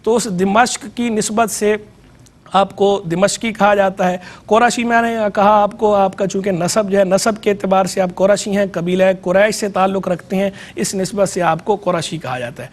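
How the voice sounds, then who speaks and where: A man with a Pakistani Urdu accent, a religious scholar giving an educational lecture on a TV program, measured and explanatory, repeating key terms to stress them. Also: high-pitched, steady tone.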